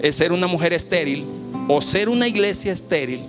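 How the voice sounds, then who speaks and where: A man, preaching a sermon as pastor, swinging from loud calls to soft, low asides. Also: expressive, fairly quick, long reverb tail, music in the background.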